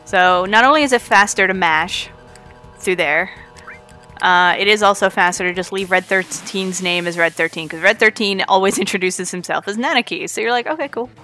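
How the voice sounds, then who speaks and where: Faint music plays behind a woman commentating live on her speedrun, playful and talkative as she jokes with chat. She's Canadian with a touch of Newfoundland, and her mid-range voice is bright and forceful at a moderate pace.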